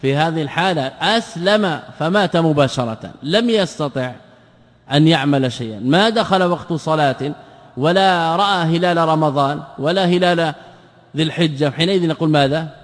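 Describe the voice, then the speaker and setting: A man's voice: on the high side, moderate pace. A man, a sheikh, giving a classroom lesson, explaining points by asking and answering his own questions. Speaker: sheikh teaching a text. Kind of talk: classroom lesson on creed and grammar. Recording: long hall reverb.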